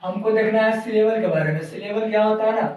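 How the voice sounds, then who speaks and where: A man teaching a coaching class lesson, repeating phrases and dictating slowly while he writes. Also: high voice, darkish tone. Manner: repetitive, slow dictation while writing. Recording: very echoey room, far from mic.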